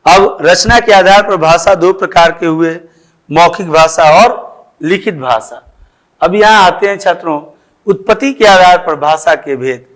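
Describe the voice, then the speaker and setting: A man's voice: sits high, measured pace, fairly bright tone. A male teacher explaining grammar to schoolchildren, repeating examples with emphasis.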